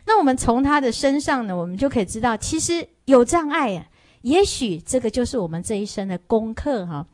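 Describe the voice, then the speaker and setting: A woman's voice: on the high side, big pitch swings, fairly quick, darkish tone, no echo. A Buddhist nun giving a sermon, telling a story, tagging her phrases and putting questions to listeners. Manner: storytelling lecture with frequent "hao" and "ha" tags. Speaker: Buddhist nun teaching a sutra.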